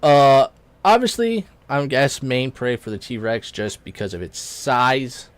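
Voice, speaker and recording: A young man giving casual, rambling let's-play commentary, full of fillers and self-corrections, with excited bursts when something in the game surprises him. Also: medium pitch, slow pace, no room sound. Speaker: gaming YouTuber.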